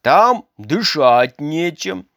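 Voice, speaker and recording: A haughty, touchy fish from a children's story, who sniffs and snorts at every answer as a reader puts her on. She speaks slowly and with wide swings of pitch. It is a close, dry recording. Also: very animated, a bit bright, no echo, exaggerated voice. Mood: indignant. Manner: snorting, indignant. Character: big haughty female fish, touchy and proud. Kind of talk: storybook reading.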